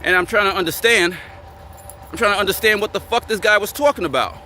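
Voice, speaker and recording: A man with a notably high voice delivers a blunt vlog rant, confrontational and preachy, repeating his lines for emphasis. Faint street and car noise hum behind him outdoors. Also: quick pace, pushed and bright. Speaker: vlogger. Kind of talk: blunt motivational rant to camera.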